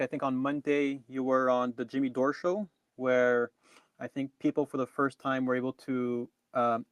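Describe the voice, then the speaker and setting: A Canadian man with a medium-pitched voice co-hosts a live online news review. He talks casually, with plenty of ums and restarts, and there's no echo on the recording.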